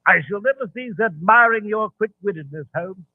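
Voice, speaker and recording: An actor playing a genial, admiring gentleman doctor, a detective's loyal companion, in 1940s radio drama style. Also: high voice, animated, moderate pace, dry recording. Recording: tinny, dry vintage radio recording.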